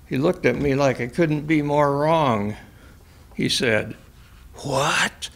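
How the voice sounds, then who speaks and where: A man reading a first-person short story aloud in a dry, measured way. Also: medium pitch. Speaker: story reader.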